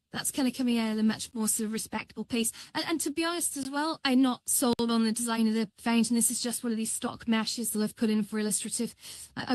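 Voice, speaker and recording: Female tutorial streamer, voice-changer processed, higher pitch, dry close sound, halting and thinking aloud as she works. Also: a little mellow, no echo. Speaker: livestream tutorial host. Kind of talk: casual live software tutorial.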